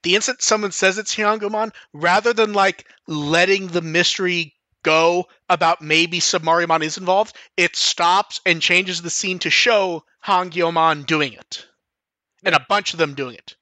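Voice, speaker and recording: A podcast co-host recapping a cartoon episode in casual chat, quoting the characters with sarcastic asides. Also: male voice, high-pitched, fairly even intonation, pushed and bright, no room sound. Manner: recaps plot quickly, acting out characters' lines sarcastically.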